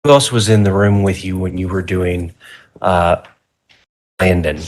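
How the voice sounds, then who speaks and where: A man's voice: sits low, steady tone, a little slow. A man questioning a witness in court as a defense attorney, in a conversational, informal way. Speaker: defense attorney cross-examining.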